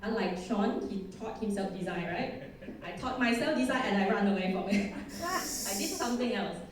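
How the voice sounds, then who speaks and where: Speaking expressively at a normal speed, this medium-pitched woman delivers a conference talk in a conference hall, with a crowd audible in the background. She's from Thailand, in her 30s, has a Thai accent, and keeps things chatty and self-deprecating, laughing frequently. The distant mic picks up the hall's echo.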